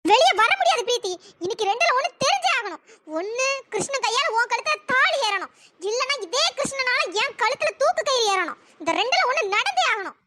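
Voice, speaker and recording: A voice actor playing a stubborn, melodramatic middle-aged mother in a cartoon drama, with a pitch-raised voice. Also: big pitch swings, a little fast, heavy background noise. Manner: melodramatic, pleading and threatening.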